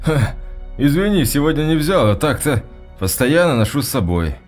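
Brief: male narrator voicing a brash shouting soldier, lively pitch, faint music underneath. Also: moderate pace. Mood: joking. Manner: shouting, exasperated.

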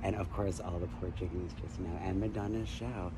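A man in his thirties, rambling and lecturing excitedly into a phone held at arm's length outdoors. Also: low-pitched, normal speed, background noise. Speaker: vlogger. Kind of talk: rambling selfie monologue. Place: outdoors by a building wall.

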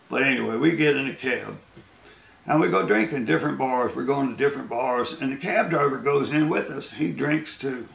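A man's voice: mid-range voice, gravelly, fairly bright tone, roomy sound. An American man telling rambling road stories in a casual, folksy way, often laughing as he goes. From United States. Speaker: storyteller. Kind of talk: casual storytelling.

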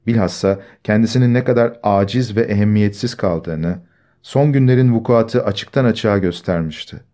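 A man narrating a classic novel as an audiobook in a measured, even reading. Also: lowish voice.

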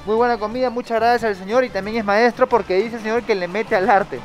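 Un hombre con acento peruano, presentador de vlog de viajes, que se despide de sus seguidores en la calle de forma animada y charlatana, hablando a través de una mascarilla. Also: male voice, sits high, rough recording. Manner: upbeat, chatty, promotional. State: talking through a face mask. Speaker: travel vlog host. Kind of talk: casual vlog sign-off to viewers. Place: outdoors beside a street.

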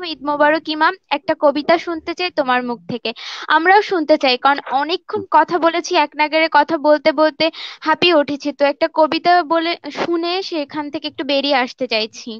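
A young woman hosts a student radio show, polite and a little halting as she talks. Her voice is high. The line sounds dull and dry. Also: fairly bright tone, dry recording. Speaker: radio host.

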